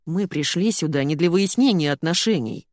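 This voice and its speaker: A woman voicing a teasing, deadpan male lawyer. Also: on the low side, moderate pace, dry recording, studio quality, lightly acted. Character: dry-witted joking male lawyer. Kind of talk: audiobook character voice.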